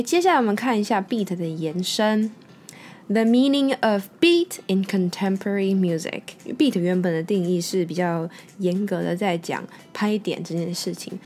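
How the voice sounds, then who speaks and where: In a patient music vocabulary lesson, a woman with a Taiwanese Mandarin accent says the English terms slowly and more than once. Her voice is mid-range and a little mellow.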